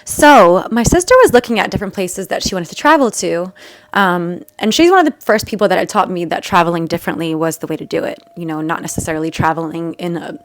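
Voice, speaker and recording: A woman's voice: on the low side, fast, no echo. Chatty, emotional young woman vlogger. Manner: chatty, emotional, rambling with many fillers. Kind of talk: casual storytelling to camera.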